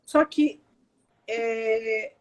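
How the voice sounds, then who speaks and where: A woman's voice: fairly high pitch, drawn-out words. A Brazilian woman in her thirties, a therapist, chatting animatedly and explaining parenting limits with everyday examples. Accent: Brazilian Portuguese. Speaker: emotional therapist guest. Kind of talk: casual conversation.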